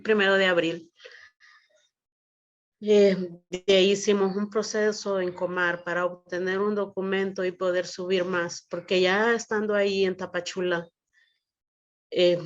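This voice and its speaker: A woman giving an earnest personal testimony in a measured way. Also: lowish voice. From El Salvador. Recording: dull lo-fi audio.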